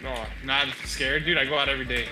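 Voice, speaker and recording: A man's voice: mid-range voice, steady tone, quick pace, roomy sound, low-quality recording. A young man chatting with friends during an online game, mocking them in a profane, mock-philosophical way. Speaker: friend in a gaming session. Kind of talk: casual gaming banter. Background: music playing.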